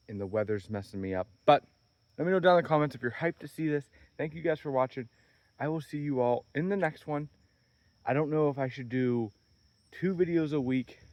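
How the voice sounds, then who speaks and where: A man vlogging outdoors with a handheld camera, chatting in a rambling, upbeat way with a tired, slightly hoarse voice. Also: mid-range voice, dry recording, highs cut off. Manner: rambling, upbeat, thinking aloud. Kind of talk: casual vlog walkthrough. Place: outdoors on wooded property.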